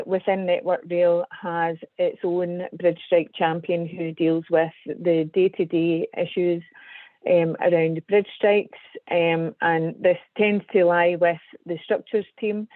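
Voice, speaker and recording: Speaking on a video call, a civil engineer from Scotland gives a webinar as a guest speaker. She has a voice on the low side and a measured delivery peppered with ums, and the recording is dry and tinny.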